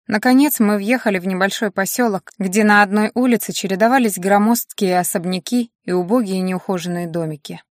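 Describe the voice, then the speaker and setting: A woman reading a first-person audiobook with steady, even storytelling. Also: mid-range voice, fairly quick, hardly any pauses, no room sound, clean studio sound. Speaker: audiobook narrator.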